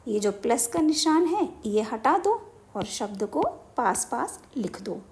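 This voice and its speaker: A woman's voice: a little high, lively intonation, darkish tone, slight background noise. A woman teaching young children a basic lesson, speaking patiently and repeating each word so they can follow. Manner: slow, patient, repeats words for young learners.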